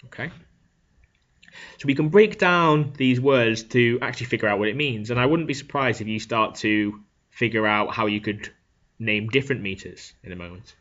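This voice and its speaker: A male teacher with a mid-range, slightly bright voice gives a classroom lecture on Shakespeare at normal speed, explaining the lesson step by step and often checking in with "okay?". The recording is dull and lo-fi.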